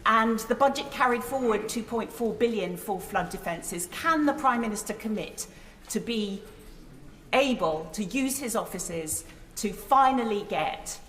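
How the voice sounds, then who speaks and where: A woman's voice: a little high, animated, unhurried, a bit bright, slight background noise. A woman with a British accent, delivering a formal prepared question as a member of parliament. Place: large debating chamber. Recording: very echoey large hall.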